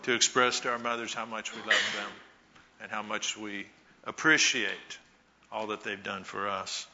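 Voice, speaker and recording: A man giving a Mother's Day talk to a church congregation, telling folksy stories with pauses. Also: on the low side, steady tone, dull audio, very noisy. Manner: slow, folksy storytelling with pauses. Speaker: church speaker.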